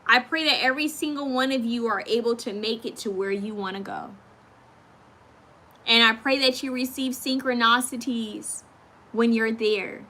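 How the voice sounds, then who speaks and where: A woman's voice: sits high, bright, forceful tone. A woman in her thirties chatting casually on a livestream, reading viewer comments aloud and drawing oracle card messages, often restarting her sentences. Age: 30s.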